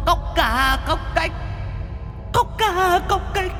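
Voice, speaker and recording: A man voicing a vengeful female ghost who cackles and chants slowly. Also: in a large hall, heavily acted. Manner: high cackling laughter, slow chanting.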